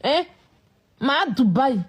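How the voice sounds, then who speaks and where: Woman, high voice, scolding, repeats herself. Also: lively intonation, slow, slightly rough. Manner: scolding, repetitive, confrontational. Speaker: vlogger. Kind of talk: live-stream rant.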